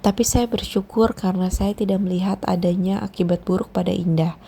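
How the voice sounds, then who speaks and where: A woman reading the part of a patient doctor and mentor in a storybook, gentle and explanatory. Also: medium pitch, fairly even intonation, a little fast, slightly rough. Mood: calm.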